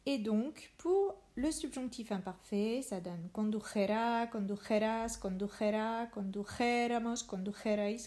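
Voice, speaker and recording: A woman teaching a grammar lesson at a slow, careful pace, with a voice pitched a little high. She recites conjugations one form at a time and pauses between them, stressing the syllables clearly. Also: darkish tone. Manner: clear, deliberate, spells out each verb form. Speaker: Spanish teacher.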